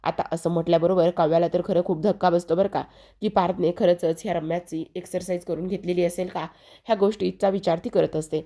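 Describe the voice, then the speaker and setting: A woman's voice: lowish voice, steady tone, brisk, mellow. A woman casually retelling a TV serial episode, chatting directly to her viewers. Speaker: TV serial recap narrator.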